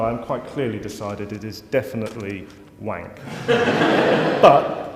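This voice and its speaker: A man's voice: mid-range voice, noisy background. Wry man lecturing in a hall. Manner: wry, self-mocking, rambling asides. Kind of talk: live lecture to an audience. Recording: roomy hall reverb, faint ambience.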